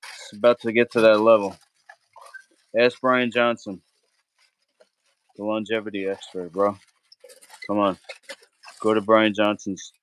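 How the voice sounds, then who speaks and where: Heard on a low-quality recording, this man's voice leans low. As a cooking livestream host, he chats loosely in slang while cooking, bickers with his viewers and keeps throwing in "bro."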